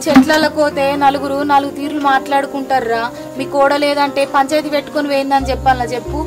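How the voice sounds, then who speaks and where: A woman's voice: high-pitched, little pitch movement, quick pace, close to an everyday voice. A woman playing a tearful village mother with a Telangana accent. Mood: pleading. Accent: Telangana Telugu. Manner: lamenting, tearful pleading. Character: grieving worried middle-aged village mother. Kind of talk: family drama acting. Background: background music.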